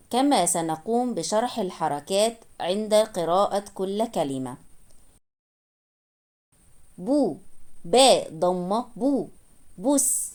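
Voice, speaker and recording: A woman's voice: medium pitch, darkish tone. A woman teaching a reading lesson, sounding out each word syllable by syllable and naming the vowel marks. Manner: sounds out syllables slowly, then names each vowel mark. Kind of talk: slow syllable-by-syllable spelling lesson.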